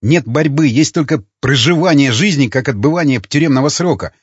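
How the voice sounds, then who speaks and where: A man voicing a bitter, impassioned young rebel with a husky voice. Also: medium pitch, animated, a little fast, no room sound. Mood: defiant. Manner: impassioned, accusing. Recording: dull lo-fi recording.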